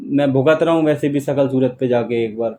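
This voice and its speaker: Teasing husband with faint background noise. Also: male voice, medium pitch, a little fast. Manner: teasing, mock-wistful, pleads for quiet. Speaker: vlogger playing husband in comic sketch. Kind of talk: scripted comic couple banter.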